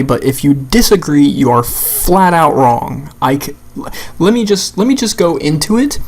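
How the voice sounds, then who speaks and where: This man's voice is fairly high and a little mellow. He's a gamer making a rant video, delivering exasperated, unscripted, blunt and sweary commentary over a video game.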